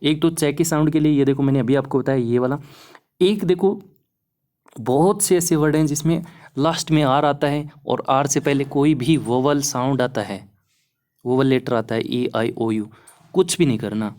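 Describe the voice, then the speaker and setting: A man's voice: mid-range voice, steady tone, moderate pace, darkish tone. Young man, exam-prep teacher, casual encouraging lesson, checks in often. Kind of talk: explaining lesson over slides.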